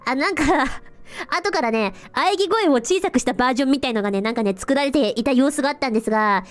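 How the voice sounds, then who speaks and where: High, lively young-sounding woman streamer. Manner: animated, giggly, self-deprecating storytelling; refers to herself in third person as captain. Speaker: virtual streamer. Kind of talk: casual livestream chat.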